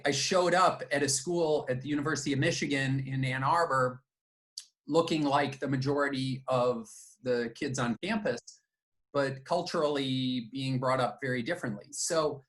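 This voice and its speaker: Middle-aged male interview guest, reflective storyteller, medium pitch, unhurried with fillers. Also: a bit bright. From United States, raised in Japan. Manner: reflective, measured, with fillers and restarts. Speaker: guest, company founder and CEO.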